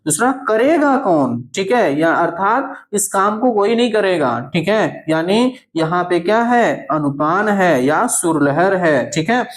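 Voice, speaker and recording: A male teacher going through an exam answer key, asking questions and answering them himself, often checking in and drawing words out slowly for emphasis. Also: high voice, expressive. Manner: keeps checking in with "thik hai".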